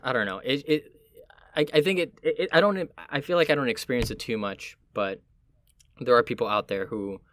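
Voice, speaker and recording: A Miami man from a Puerto Rican family talks casually and reflectively, often halting while he searches for words. His medium-pitched voice is a bit bright, with slight background noise.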